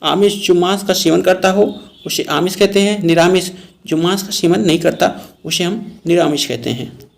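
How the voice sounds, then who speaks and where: Male Hindi teacher, raised gravelly voice, repeats each word while explaining spelling for exam prep. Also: high voice, normal speed. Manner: explains word by word, repeats terms, calls viewers "friends".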